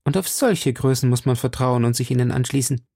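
A man's voice: mid-range voice, a little fast, dark tone, breathy edge, no room sound, studio quality. A man reading an audiobook, voicing an anxious, secretive young wife in a raised, urgent voice. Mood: earnest.

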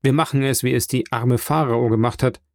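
A man voicing a gruff, loyal old sailor in an audiobook, speaking in a strained, pressed way. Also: mid-range voice, steady tone, fairly quick, no room sound, clean studio sound, close to an everyday voice. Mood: pleading, loyal.

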